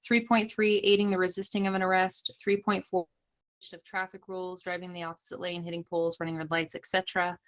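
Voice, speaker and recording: A woman's voice: on the low side, flat delivery, fairly quick, fairly bright tone. Brief: young woman, casual streamer explaining rules, chats with viewers, dull lo-fi mic. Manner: chatty, talks to chat mid-explanation, laughs easily. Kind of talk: casual livestream instruction.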